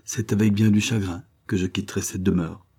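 Male reader plays a weary, sorrowful governess; husky, soft. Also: lowish voice, steady tone, a little fast. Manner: weary, sad, sometimes whispered. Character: sorrowful frail woman governess hiding her past.

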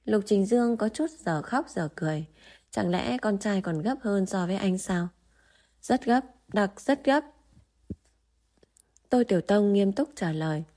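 A woman narrates a romance novel at an even, steady storytelling pace. Her voice is warm, dark-toned and mellow, and her reading holds one calm tone throughout. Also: medium pitch, normal speed. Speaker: audiobook narrator. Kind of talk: scripted narration.

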